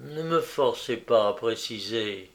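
A man's voice: mid-range voice, animated, unhurried, close to an everyday voice. A man reading aloud as a solemn, respectful male secretary who speaks with reluctant gravity. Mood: cautious. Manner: hesitant, solemn.

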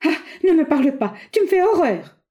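A woman voicing a melodramatic jilted young woman, speaking high, plaintive and choked with emotion. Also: slow pace, mellow. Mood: tragic. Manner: plaintive, choked theatrical delivery.

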